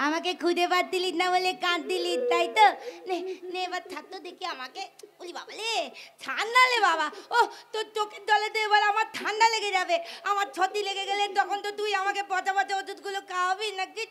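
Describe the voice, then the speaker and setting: A woman's voice: extremely high pitch, steady tone, brisk, sharp tone. A woman playing a sick, childlike young woman who lisps in baby talk, playful and stubborn, in live folk-theatre style. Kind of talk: live jatra stage acting.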